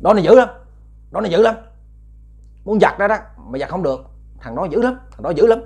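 Ghost of a drowned woman, fierce but lost, high and loud plaintive cries, done by a male storyteller. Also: lively intonation, a little fast, breathy edge, muffled recording, full character voice. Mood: agitated.

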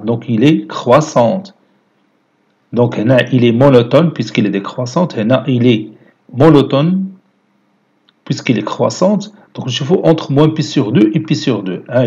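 Moroccan guy teaching math, husky voice, walks through the graph bit by bit. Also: mid-range voice, lively intonation, moderate pace, a little mellow, dull audio. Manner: explains step by step, mixing French with Moroccan Arabic. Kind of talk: lecture.

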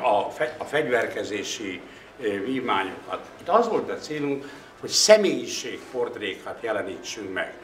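Interviewed inside an exhibition gallery, the curator in his 60s reflects and philosophizes, hesitating at times and pressing certain points with emphasis. His voice sits on the low side, and the lapel mic carries a little hiss or hum along with background music.

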